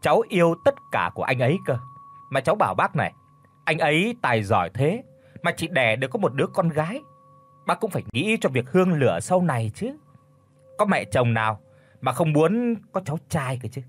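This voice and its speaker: A man voicing a brash young scheming secretary in a spoken story, stammering at times, with a husky voice. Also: on the high side, big pitch swings, moderate pace. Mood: cheeky. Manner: stammering, then cheeky.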